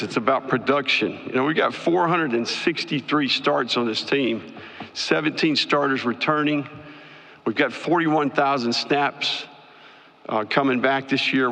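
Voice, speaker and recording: A man giving a press conference opening statement as a head football coach, speaking in a measured, emphatic way. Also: medium pitch, pushed and bright. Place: large media hall. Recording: long hall reverb.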